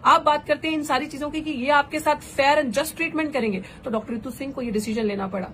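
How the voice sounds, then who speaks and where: Woman activist, higher register, impassioned rhetorical speaker, mixes in English phrases. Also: a little fast, fairly bright tone, slight background noise. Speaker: political activist and candidate. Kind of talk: impassioned live political address.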